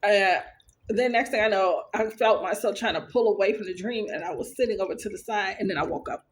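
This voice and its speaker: A woman's voice: mid-range voice, a little fast. A woman vlogger casually telling a story to the camera, rambling, earnest, and full of fillers and restarts. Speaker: vlogger sharing her dreams.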